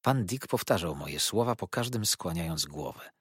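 Man reading a storybook, kinda husky, super dry close sound. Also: deep voice, animated, moderate pace, fairly bright tone, no echo. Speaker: audiobook narrator. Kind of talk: scripted narration of a classic novel.

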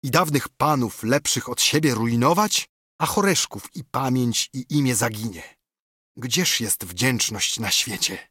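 A man's voice: mid-range voice, lively intonation, measured pace, sharp tone, slightly rough, no echo, clean studio sound, heavily acted. A man voicing an embittered old male steward who rouses a crowd with impassioned speech, in an audiobook reading of an epic poem. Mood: rousing. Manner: impassioned, rousing.

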